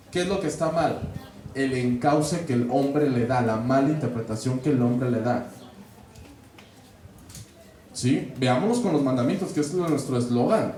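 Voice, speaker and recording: Mexican man, classroom lecturer, conversational, mellow voice, distant, heavy room echo. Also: on the high side. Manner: conversational, checks in with frequent questions. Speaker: catechist trainer. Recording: very echoey room, voice far from mic.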